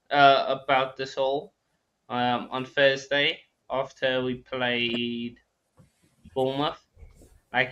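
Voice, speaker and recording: A man chatting casually about football in a hesitant, halting way. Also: mid-range voice, sharp tone. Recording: slightly dull lo-fi microphone.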